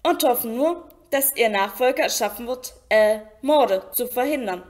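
A woman's voice: fairly high pitch, moderate pace, lightly acted. A woman voicing a cold, spiteful aristocratic man in an audiobook reading, casual and sneering in manner. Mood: smug, sneering.

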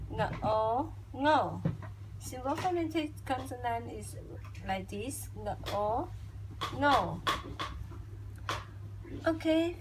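A young Cambodian woman with a Khmer accent gives a slow language lesson indoors at a whiteboard, deliberately repeating each sound many times. Her voice is a little high, and there is noise in the background.

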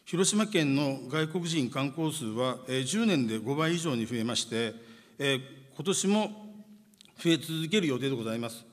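A man, a city mayor, gives a formal ceremonial speech, measured and dotted with drawn-out filler sounds. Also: medium pitch, expressive. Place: large conference hall. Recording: long hall reverb.

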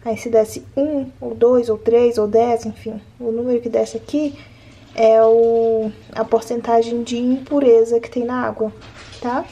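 A woman's voice: on the high side, level tone, measured pace, warm tone, a little hiss or hum. Chatty young woman vlogging at home. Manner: chatty, talks to camera and coos to her baby. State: out of breath after the gym. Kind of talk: casual home vlog.

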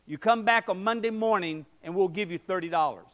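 This middle-aged pastor preaches briskly through a headset mic in a mid-sized indoor sanctuary. His notably high voice drives home each point with forceful rhetorical questions.

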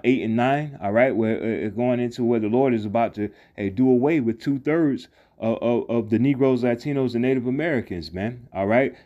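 Over a muffled phone screen recording, an unseen male street preacher with a mellow, mid-range voice teaches scripture in a relaxed, meandering style. Fillers, false starts, and a habitual "man" pepper his speech, and he takes the verses slowly and deliberately.

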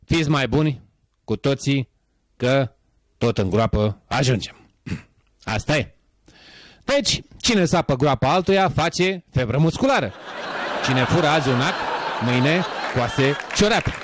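A man's voice: medium pitch, lively intonation, long pauses, crowd noise. A male comedy host telling jokes and bantering straight at the audience. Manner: bantering, addresses the audience directly. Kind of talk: stand-up joke telling.

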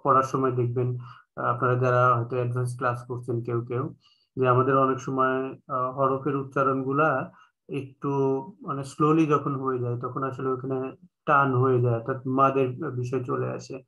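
A man with a Bangladeshi Bengali accent, teaching an online class in a patient way, repeating each point slowly with many filler sounds. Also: medium pitch, flat delivery, sharp tone, lo-fi sound. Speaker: Quran reading teacher. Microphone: online call.

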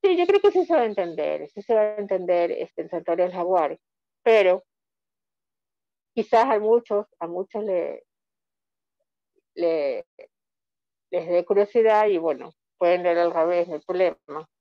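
A woman's voice: fairly low pitch, expressive, a little slow, long pauses, dry recording, lo-fi sound. A woman from Ecuador, a comic author, presenting her books in a rambling, chatty way with many restarts over call audio. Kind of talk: online book fair presentation.

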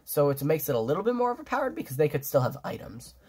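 A fan artist with a stuffed, sniffling nose shows off his drawings in casual show-and-tell commentary, so every word sounds nasal and thick. He rambles, restarting sentences and padding with fillers, in a high-ish, sing-song, quick voice with a darkish tone and a breathy edge. It sounds like a phone propped over a tabletop indoors.

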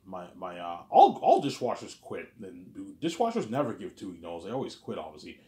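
A vlogger in his thirties rambles casually to his viewers in a monologue, repeating himself and tripping over words. His low, dark voice swings widely in pitch at a fairly quick pace, and the sound is roomy.

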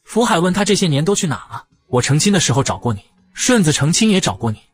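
A man narrates a television drama recap at a brisk clip. His voice sits a little high and moves up and down a lot as he tells the story. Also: big pitch swings.

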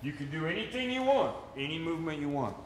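A man's voice: on the high side, big pitch swings, fast. A man leading a group fitness class, calling out moves and counts with upbeat encouragement and frequent laughs. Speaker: fitness instructor. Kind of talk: coaching a live group class. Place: echoey gym with a group. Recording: echoey gym room, loud background noise.

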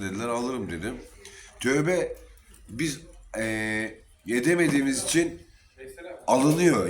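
A man's voice: medium pitch, slight background noise. Earnest Turkish man telling his story. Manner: earnest, emotional storytelling with quoted dialogue. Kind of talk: casual spoken testimony. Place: Sufi lodge gathering.

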